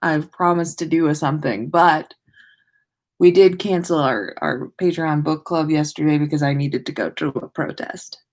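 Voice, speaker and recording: A tired-sounding American woman hosts a livestreamed podcast from her room, speaking at a moderate pace in a low, darkish voice. Her talk is informal and meandering, playful, and sprinkled with sing-song asides.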